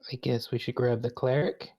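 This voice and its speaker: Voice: mid-range voice, steady tone, normal speed, warm tone, slightly rough. A player at a tabletop game, speaking in a caring, practical way. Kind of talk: casual tabletop game play.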